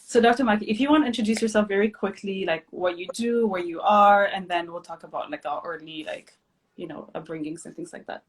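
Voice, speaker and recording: A woman from Ethiopia in her thirties, hosting a casual live chat, relaxed and chatty with many fillers. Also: mid-range voice, fairly quick. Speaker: host, physician.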